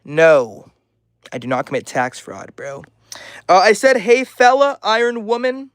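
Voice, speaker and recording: A man's voice: sits high, unhurried, fairly bright tone, no room sound. A twenty-year-old man live streaming, reading out chat names and answering each message in a friendly, upbeat way. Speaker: livestreamer.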